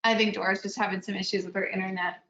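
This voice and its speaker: A woman moderating a panel webinar on a video call, relaying audience questions with upbeat, quick acknowledgements. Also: medium pitch, little pitch movement, pushed and bright. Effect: video call audio. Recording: muffled, roomy video call audio.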